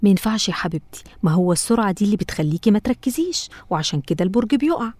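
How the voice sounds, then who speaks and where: A woman with an Egyptian accent voicing a loving, patient mother in a cartoon, talking gently and coaxingly. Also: medium pitch, animated, rapid-fire, no room sound, close to an everyday voice. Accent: Egyptian Arabic. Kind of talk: cartoon voice acting.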